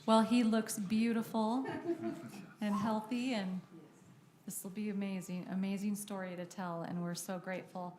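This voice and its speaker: A woman's voice: mid-range voice, steady tone, normal speed, a crowd in the background. A woman leading a council meeting, giving thanks to officers and repeating words for emphasis. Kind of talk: formal acknowledgment remarks. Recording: echoey room, faint noise.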